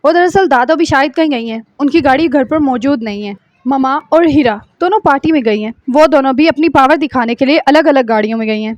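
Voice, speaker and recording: A woman's voice: high voice, hardly any pauses, dry recording, natural voice. A woman reading a novel aloud, voicing a nervous young man who coaxes hesitantly. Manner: hesitant, coaxing.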